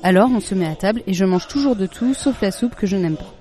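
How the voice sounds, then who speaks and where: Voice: mid-range voice, fast, dark tone, lightly acted. A reader voicing an innocent young schoolboy who earnestly reads his school essay aloud. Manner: earnest, childlike reading aloud.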